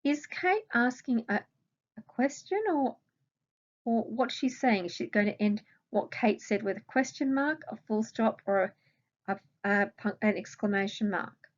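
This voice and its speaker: A woman's voice: fairly high pitch, expressive, measured pace, muffled recording. A woman with an Australian accent, a primary school teacher patiently explaining a recorded grammar lesson to children and asking them questions.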